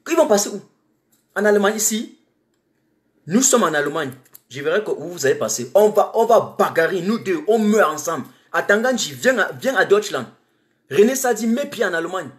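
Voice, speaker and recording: A man's voice: high-pitched, big pitch swings, moderate pace. A man from Cameroon, giving an emphatic, repetitive live-streamed political monologue full of rhetorical questions.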